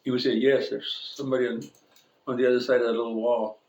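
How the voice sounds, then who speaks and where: A man's voice: medium pitch, little pitch movement, fast talker, darkish tone, reverberant, highs cut off. A man preaching an informal sermon in a church, telling a personal story in a rambling, self-correcting way with frequent chuckles. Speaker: pastor. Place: church sanctuary.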